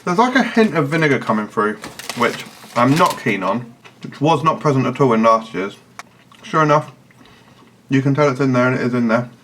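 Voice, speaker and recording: A man's voice: medium pitch, lively intonation, moderate pace, a bit bright. A man giving a casual product review in a blunt, picky, analytical manner. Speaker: snack reviewer. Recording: noticeable background noise.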